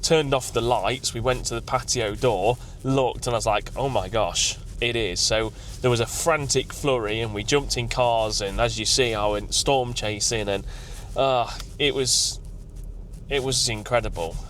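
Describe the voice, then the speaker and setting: A man who works as a tree consultant, vlogging about his day in an excited, rambling, emotional way from his car. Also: medium pitch, unhurried, a little hiss or hum. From England. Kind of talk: vlog. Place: outdoors at night, then in a car.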